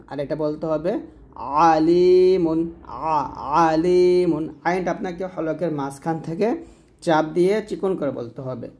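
A man teaching Quran recitation in Bengali, contrasting Arabic letter sounds and stretching words slowly. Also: fairly high pitch, mellow. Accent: Bangladeshi Bengali. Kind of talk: instructional lesson on Arabic letter pronunciation.

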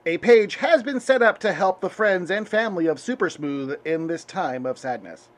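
A dry, matter-of-fact puppet news anchor, voiced by a man. His voice is high and animated, rising and falling through deadpan lines. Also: moderate pace. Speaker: host. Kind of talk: comedic spoof news.

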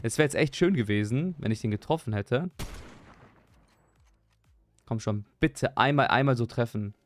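A young man chatting live while he plays a game, excitable, repeating his exclamations and joking at his own expense. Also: medium pitch, moderate pace, soft background music. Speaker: gaming streamer. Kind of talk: live gameplay stream chat.

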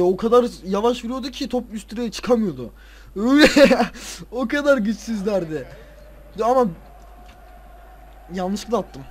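Tired man ranting over a football game. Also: very high-pitched. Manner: swears and rants at players, excitable outbursts. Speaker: gaming video creator. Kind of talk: casual football game commentary.

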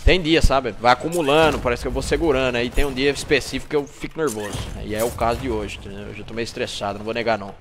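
A man's voice: medium pitch, quick pace, hardly any pauses, noisy background. A man with a Brazilian Portuguese accent streaming a game live, trash-talking and greeting chat viewers.

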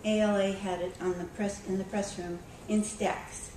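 At a conference, a woman who works as a school librarian tells a story in a chatty way, often saying um and starting over. She speaks at a normal speed in a medium-pitched, level, dark-toned voice. The conference room is echoey, and the distant recording picks up background noise.

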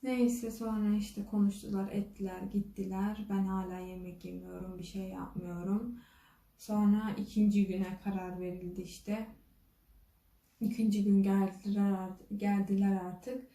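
Speaking at a measured pace in a warm, level, medium-pitched voice, a woman vlogger casually relates a personal story, replaying the dialogue with frequent "dedi" and "dedim" ("she said," "I said"). The room is echoey and her voice comes from a distance.

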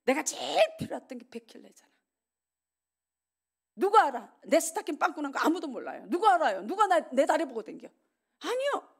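A woman's voice: high-pitched, brisk, vocal fry, long pauses. A middle-aged woman preacher giving a testimony sermon in a church, telling her story vividly and acting out the dialogue. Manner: animated storytelling, acts out dialogue, laughs often. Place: church sanctuary.

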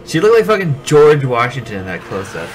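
A man's voice: medium pitch, huge pitch swings, brisk, a little hiss or hum. Sarcastic, crude man playing a game. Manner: sarcastic, crude, jokey, swears a lot. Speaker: gameplay commentator. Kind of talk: casual let's play banter.

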